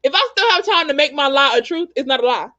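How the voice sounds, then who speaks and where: Brief: woman host, high voice, animated and defensive, on muffled lo-fi call audio. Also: fast talker. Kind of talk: casual chat.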